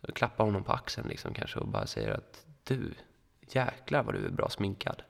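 A young man spins a rambling anecdote with a low, gravelly voice, stopping often on fillers and acting out what people said. His voice rings with a long echo from the room around him. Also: huge pitch swings. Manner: rambling anecdote with many fillers and quoted dialogue. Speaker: podcast co-host. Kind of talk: casual storytelling chat. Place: school room.

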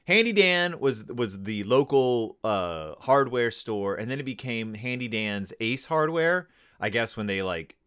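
Rambling, lively-pitched male podcast host. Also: a little slow, clear, resonant tone. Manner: rambling, digressive, self-correcting. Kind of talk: casual comedic book review.

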